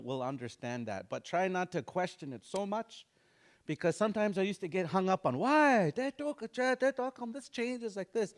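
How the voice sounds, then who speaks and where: Running an online language lesson, this man drills words repeatedly with an easygoing, informal manner, often breaking into chuckles. He has a high voice.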